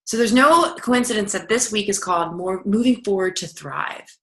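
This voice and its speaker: A woman's voice: mid-range voice, normal speed. A woman coaching in a recorded video lesson, talking casually and acting out the self-talk she describes. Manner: conversational, repeats and acts out inner self-talk. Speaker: personal growth coach. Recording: echoey room.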